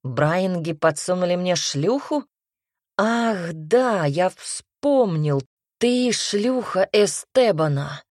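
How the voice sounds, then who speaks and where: A woman's voice: fairly low pitch, expressive, takes it slowly, a little mellow, no echo, clean studio sound. A woman voicing a sullen young male werewolf husband who asks blunt, suspicious questions. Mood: gruff.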